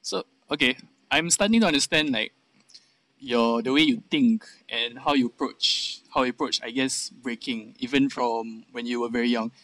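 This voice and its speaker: A young male interviewer with a Singaporean accent speaks casual Singlish at an average pitch. He builds his questions tentatively, restating them midway. The recording is close and dry, without room sound. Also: moderate pace, fairly bright tone, no room sound, low-quality recording. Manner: tentative, rephrasing questions as he goes.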